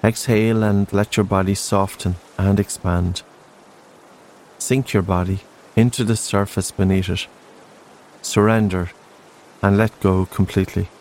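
A man narrating a guided relaxation in a slow, soothing sleep-story manner, gentle and unhurried, with spaced-out phrases. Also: lowish voice, flat delivery, slight background noise.

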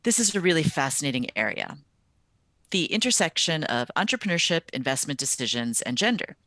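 A woman's voice: sits low, a little fast, no room sound. A woman hosting a podcast, reading a polished introduction and asking questions. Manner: bright, lively, polished. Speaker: podcast host.

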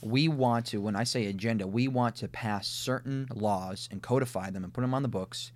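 A man with a Minnesota accent talks through his ideas on a casual podcast at a middling pitch. He lays out his points in lists and often restarts as he thinks aloud. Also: normal speed. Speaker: podcast co-host. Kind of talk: casual conversational podcast discussion.

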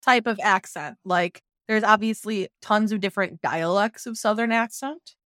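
A woman's voice: medium pitch, a bit bright, no room sound, studio quality. Woman co-host recapping a show. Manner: brisk, steers the talk, retells scenes. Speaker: podcast co-host. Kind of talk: casual TV recap chat.

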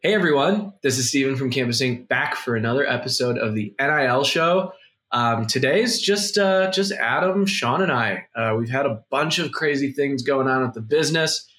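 A man's voice: mid-range voice, moderate pace, fairly bright tone, slight background noise. A man hosting a casual business podcast, steering the chat with his co-hosts in a friendly way. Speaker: podcast host.

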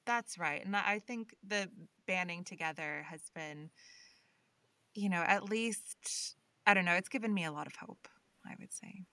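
A woman audiobook narrator talking as a guest, her voice bright and a touch low. She chats freely, breaks into laughs and tosses in quick asides. The sound is dry and close. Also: no echo. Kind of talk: casual interview chat. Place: lives in England.

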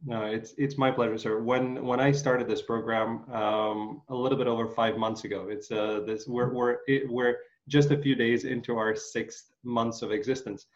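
A man's voice: medium pitch, flat delivery. Host guy from ukraine, earnest, lots of ums, kinda muffled call audio. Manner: earnest, halting, many fillers. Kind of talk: interview hosting. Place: home. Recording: slightly muffled.

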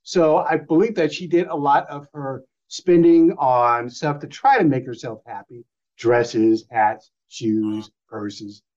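A man's voice: medium pitch, slow pace, darkish tone. A middle-aged man telling a personal story as an interview guest, in a loose, rambling way, acting out old phone calls in different voices. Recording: slightly dull lo-fi audio.

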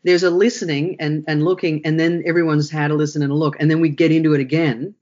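A man with a fairly high voice reflects aloud on his teaching, circling back and restarting his sentences as the thoughts form. He speaks in a relaxed, conversational interview style. The recording sounds dull and lo-fi. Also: fast. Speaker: guest, workshop trainer.

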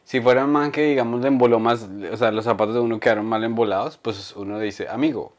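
A man's voice: mid-range voice, steady tone, quick pace. A man co-hosting a casual comedy podcast, teasing his partner and asking follow-up questions. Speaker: podcast co-host.

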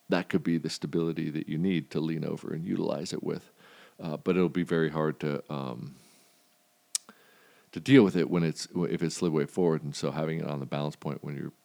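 A man hosting a podcast, talking through shooting technique in a rambling, halting way, with many fillers and restarts. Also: low voice, a little mellow. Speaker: podcast host. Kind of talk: casual monologue on shooting technique.

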